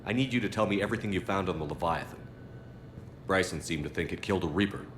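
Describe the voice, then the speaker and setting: A man's voice: low-pitched, quick pace, background noise, natural voice. An actor playing a determined male military commander in a science fiction game, direct and businesslike. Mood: firm, pressing. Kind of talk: video game voice acting. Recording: echoey game scene with music behind.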